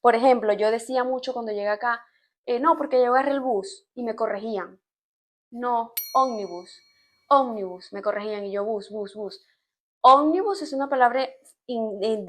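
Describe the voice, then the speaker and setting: Venezuelan woman vlogging, chatty and expressive, slightly high voice. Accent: Venezuelan Spanish. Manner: chatty and expressive, explaining with laughs. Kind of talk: casual storytime chat to camera.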